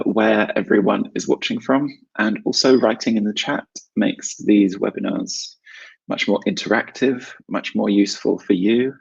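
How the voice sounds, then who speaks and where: A man with a South London accent hosts an informal online English lesson. His voice is fairly low and heavily fried at the edges, and he speaks in short, simple, chatty phrases. The sound is slightly dull and lo-fi, as on a webinar. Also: gravelly, slightly rough. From South London, England. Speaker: English teacher and webinar host.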